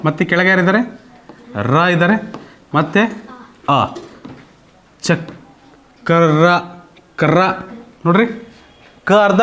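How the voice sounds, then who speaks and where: Slow patient man teaching online. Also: on the high side, fairly bright tone, slight background noise. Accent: Karnataka. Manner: slow, patient, keeps checking students understand. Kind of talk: online Kannada grammar lesson. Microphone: computer mic on an online class call.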